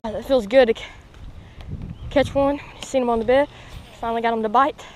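Excited young man outdoors. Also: very high-pitched, moderate pace, noisy background. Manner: excited, rambling, lots of fillers. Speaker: fishing vlogger. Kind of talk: casual outdoor commentary. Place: outdoors by a pond.

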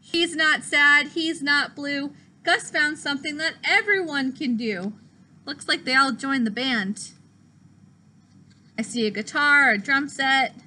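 A young female teacher with a high, bright voice reads a picture book aloud to children in a small indoor classroom. Her delivery is expressive, deliberate and pitched at the kids.

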